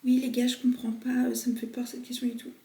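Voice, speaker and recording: A woman's voice: on the high side, monotone, fast talker, mellow, distant mic. A woman in her twenties chatting casually to her viewers in a vlog, talking to them directly and filling her sentences with slang. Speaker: vlogger. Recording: roomy sound, speaking away from the mic.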